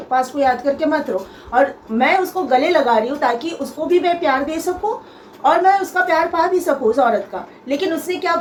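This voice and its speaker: Aggrieved high-voiced woman in an echoey room. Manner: aggrieved, emphatic, repeats herself with many hesitations. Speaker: vlogger. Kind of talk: personal storytelling vlog. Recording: echoey room with faint ambient noise.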